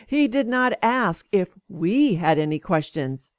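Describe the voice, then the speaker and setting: A woman's voice: mid-range voice, expressive, takes it slowly, dry recording, highs cut off. Indignant woman telling a personal story.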